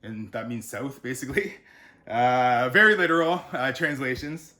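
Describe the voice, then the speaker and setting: Man sounding out words slowly. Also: medium pitch. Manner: relaxed, explanatory, with frequent fillers. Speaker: author. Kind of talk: unscripted pronunciation lesson.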